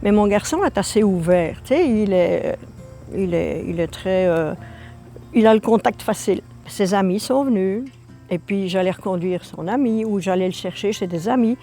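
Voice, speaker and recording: An older woman from Belgium, telling her immigration story in a documentary with lively, repetitive emphasis. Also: mid-range voice, normal speed, faint music behind. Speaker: interviewee. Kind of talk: documentary testimony.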